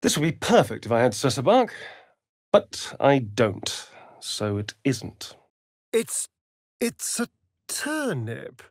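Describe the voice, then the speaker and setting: In a fantasy video game, a flamboyant and sardonic vampire aristocrat speaks with an English accent, drawling theatrically and swinging hugely in pitch with arch relish. The full character performance is recorded close and dry with no room sound, at an unhurried pace.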